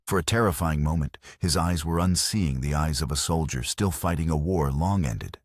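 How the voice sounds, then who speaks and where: A man narrating a western story in a slow, measured storybook reading. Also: extremely low pitch, no room sound, clean studio sound.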